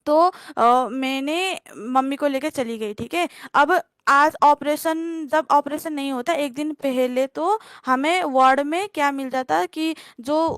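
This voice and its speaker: A woman's voice: high-pitched, takes it slowly, a bit bright, dry recording, studio quality. A young woman telling her story on a livestream call, rambling and hesitant, with many fillers and restarts.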